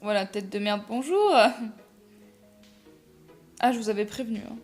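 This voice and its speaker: A woman's voice: mid-range voice, level tone, very fast, darkish tone, faint music behind. A young woman talking through a casual makeup tutorial, chatty and self-mocking, full of fillers and restarts. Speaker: makeup vlogger.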